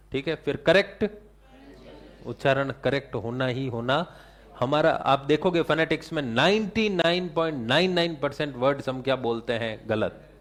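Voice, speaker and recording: Giving a lecture in class, a male teacher asks questions and supplies the answers himself, weaving in English terms. He speaks with a fairly high pitch.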